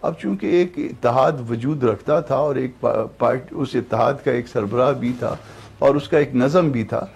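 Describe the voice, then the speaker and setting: A man with a Pakistani Urdu accent speaking as a political guest, calm and hesitant, with frequent fillers. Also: mid-range voice, creaky, slightly rough. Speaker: political party spokesman guest. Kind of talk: measured political commentary.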